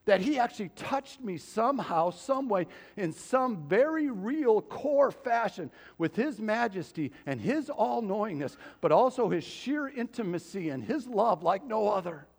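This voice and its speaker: A man's voice: sits high, big pitch swings, unhurried, few pauses. A man preaching a sermon as pastor, talking to the congregation in a loose, conversational way with frequent asides. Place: church sanctuary. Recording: long reverb of a church hall.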